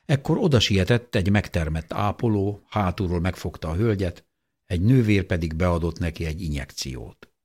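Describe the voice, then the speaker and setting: A man narrating an audiobook in a very low, husky voice with a breathy edge. He reads at a steady, measured pace, keeping the narration even and clear. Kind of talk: scripted narration.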